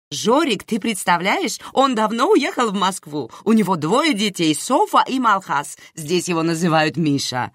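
Шумная, хлопотливая тётушка из аудиокниги, которую озвучивает женщина, говорит с размахом, голос скачет вверх-вниз. Запись сухая, без эха. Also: female voice, fairly low pitch, a bit bright, dry recording, clean studio sound, pitched above the performer's own voice, heavily acted. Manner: effusive, exclaiming, fussing.

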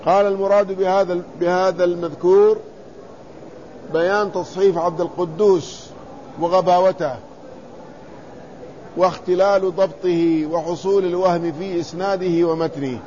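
A man teaching a classical hadith commentary, reading the text aloud and explaining it in a measured, deliberate way, carefully spelling out letters and vowels. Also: high voice, little pitch movement, a little mellow, muffled recording, slight background noise.

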